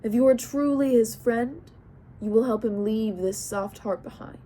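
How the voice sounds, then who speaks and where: A woman voicing a calm, cunning male king and counselor who speaks in a measured, wry way. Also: on the high side, lightly acted.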